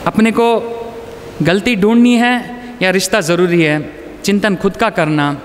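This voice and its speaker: A man's voice: high-pitched, a little slow, long reverb tail, a little hiss or hum. A man telling personal stories in a chatty talk to an audience, dropping English words into his speech. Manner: conversational, anecdotal, mixes in English words. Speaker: motivational speaker.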